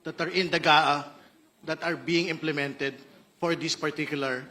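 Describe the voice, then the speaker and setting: A fairly high-voiced man with a Filipino accent chairs a formal hearing. His tone is bright and forceful. He moves between Tagalog and English as he directs the proceedings. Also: steady tone, normal speed. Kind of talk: formal legislative hearing talk.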